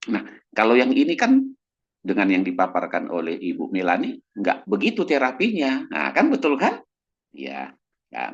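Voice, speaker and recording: Husky low-voiced man giving an animated talk. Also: highs cut off. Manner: animated, acts out quoted voices in a raised pitch. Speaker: doctor guest speaker. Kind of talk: casual church talk on mental health.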